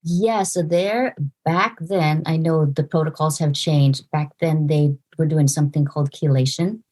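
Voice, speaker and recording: A woman in her forties from the Philippines, speaking as a podcast guest. Her voice sits low with a mellow, relaxed tone, and she talks earnestly, halting and restarting her thoughts. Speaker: podcast guest, nurse practitioner. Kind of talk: casual interview conversation.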